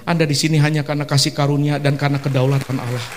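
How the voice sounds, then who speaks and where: A male pastor delivering an animated sermon, his voice sitting a little high for a man. He draws the congregation into call-and-response and breaks up the preaching with playful asides, as if speaking in a church service. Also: rapid-fire, crowd noise, background noise.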